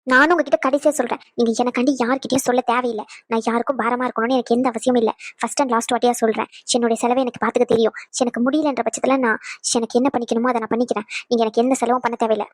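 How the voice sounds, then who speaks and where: A woman voicing a stubborn, angry young pregnant wife in a cartoon, sharp and defiant. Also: on the high side, steady tone, dry recording, studio quality, natural voice. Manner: sharp, defiant, rapid retorts.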